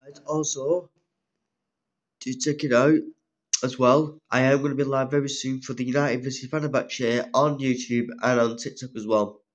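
A young man chatting casually to viewers in a vlog, low-key and halting, under the weather with a cold. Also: fairly even intonation. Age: young adult. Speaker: vlogger. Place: small room at home. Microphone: phone at arm's length. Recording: dull lo-fi phone audio.

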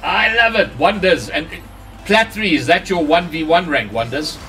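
A man's voice: fairly high pitch, normal speed, pushed and bright, recorded from a distance, slight background noise. A man commenting on his own gameplay during a live stream, his voice run through a voice changer. He chats with viewers between plays and swears when things go wrong. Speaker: gaming streamer.

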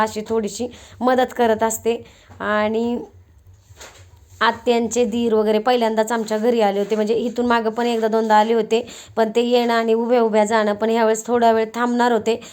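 A woman's voice: a little high, darkish tone. A young woman, chatting homely and straight to her viewers as she narrates her vlog. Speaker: vlogger.

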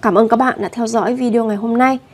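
Clear woman teaching Korean phrases. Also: fairly high pitch, steady tone, fast. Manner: models each Korean phrase twice, then explains it patiently. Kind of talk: language lesson, repeating phrases slowly.

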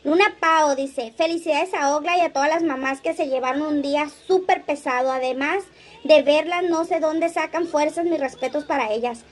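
A woman's voice: high voice, normal speed. A woman hosting a casual livestream, chatting, laughing often and reading viewers' comments aloud. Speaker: livestream host.

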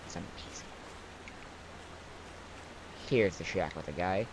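A young man with a low-pitched voice gives slow, joking commentary while playing a video game. He rambles and drops wry asides as a let's play commentator, with background noise behind him.

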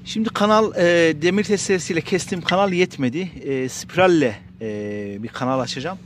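A man calmly talking viewers through a repair job step by step, pausing often with fillers as he works. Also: fairly high pitch, slight background noise. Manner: plain and unhurried, addresses viewers as friends, frequent filler pauses. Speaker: DIY repair presenter. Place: workshop bench and outdoor paved yard.

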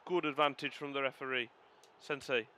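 A gaming video host with a mid-range voice at normal speed casually comments on his own football video game match. He calls the play like a commentator, gets excitable on goals, and swears when things go wrong.

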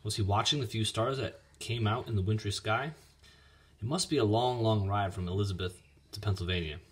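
A man reading a children's chapter book aloud in an expressive, lively manner. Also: fairly low pitch, brisk. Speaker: reader. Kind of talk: storybook read-aloud.

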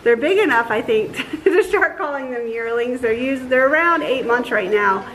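Woman in her 30s, relaxed farm-vlog explainer, slightly higher voice, open barn. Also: normal speed, a little hiss or hum, poor audio. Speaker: dairy farmer, co-host. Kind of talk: casual farm vlog talk. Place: open-sided barn outdoors.

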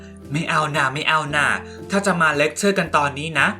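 A woman doing a soft, gentle young girl. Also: low-pitched, a little fast, faint music behind, pitched below the performer's own voice. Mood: soothing.

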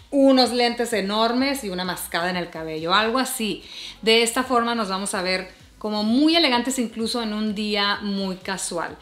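A woman, giving chatty fashion advice to camera from her bedroom. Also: mid-range voice. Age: 40s. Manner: warm chatty tips, addresses viewers as "hermosas". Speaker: fashion and beauty vlogger. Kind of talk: casual advice vlog to camera. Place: bedroom, seated before a bed. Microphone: camera at chest framing. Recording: roomy bedroom echo.

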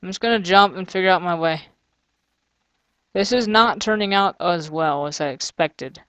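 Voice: medium pitch, normal speed, a bit bright, smooth, dry recording. A gamer giving casual let's-play commentary, thinking aloud, grumbling and joking sarcastically. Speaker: gamer playing through a custom map.

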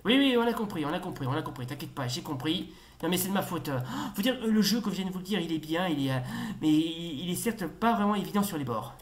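A young man commentating a retro game as he plays, excitable and stammering, with sudden swearing outbursts. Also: fairly high pitch, fast talker. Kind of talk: casual let's-play commentary.

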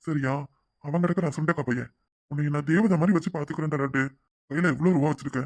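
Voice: medium pitch, quick pace, no echo, close to an everyday voice. A performer voicing a scheming male lover in a cartoon who sweet-talks for money, with a Tirunelveli Tamil accent. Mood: coaxing. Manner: coaxing, sweet-talking. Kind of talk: cartoon voice acting.

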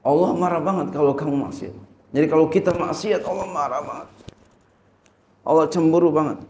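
A man's voice: on the high side, brisk, dark tone, reverberant, slight background noise. A male Islamic teacher teaching a religious lesson. He reads Arabic text, translates it and asks rhetorical questions.

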